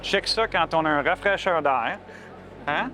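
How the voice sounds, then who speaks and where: A man's voice: on the high side, expressive, a little slow, background noise. A man with a Quebec French accent talking casually and colloquially about cars, with enthusiasm. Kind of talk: casual on-camera car talk.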